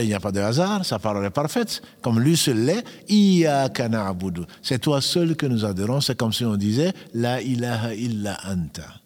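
An earnest man teaches a religious lesson at a middle pitch, slowing down to recite verses and pushing his voice up on the words that matter. His voice rings out with a long reverb tail. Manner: earnest, emphatic rises on key words, recites Arabic verses slowly. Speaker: Islamic teacher.

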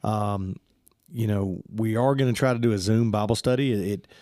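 Sounding congested, a church podcast host chats casually in a lowish, mellow voice, friendly yet halting and filled with fillers. It's a dry, studio-quality recording.

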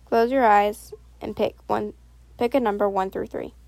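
A woman voicing a cocky young man in a second-person audio story, speaking low, hushed and teasing. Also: steady tone, normal speed, creaky, no echo.

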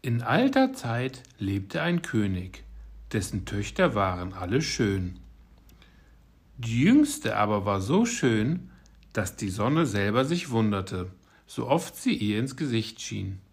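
Low-ish man reading a fairy tale, slow and very lively melody. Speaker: narrator.

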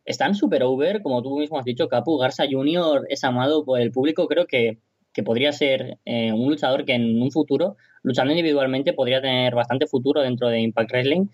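A man's voice: medium pitch, brisk, dry recording. A man speaking as a wrestling commentator, giving conversational, reflective analysis with his own opinions.

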